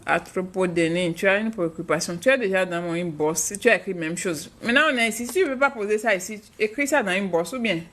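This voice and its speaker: With a mid-range, fairly bright voice, an adult African mother speaks at a quick pace with hardly any pauses. She's hosting a live stream, answering viewers' questions and chatting frankly with them.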